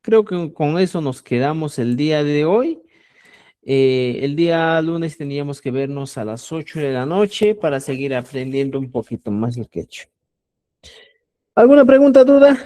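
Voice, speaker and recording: A man's voice: fairly high pitch, expressive, moderate pace, warm tone, dry recording. A man teaching a language class, explaining patiently and checking often that students follow. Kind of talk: online language lesson.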